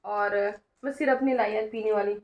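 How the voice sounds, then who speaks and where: A middle-aged family vlogger with a mid-range voice talks fairly quickly with fairly even intonation. She addresses the camera in a homely, casual way from city streets and her home, frequently tagging questions to viewers.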